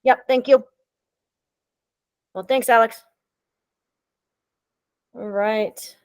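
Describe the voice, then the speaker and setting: A woman hosts an online meeting in a relaxed, friendly way. Her voice sits a little high, and she often pauses with ums. It is recorded over a video call with a dry sound and no room echo. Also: clean tone. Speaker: meeting facilitator. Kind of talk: casual online meeting talk.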